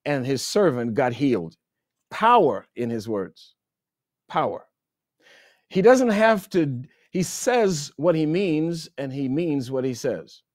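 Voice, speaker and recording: Lively, expressive male preacher. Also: a little high, dry recording, clean studio sound. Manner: repeats phrases for emphasis, rising and falling delivery. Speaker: pastor. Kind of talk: sermon.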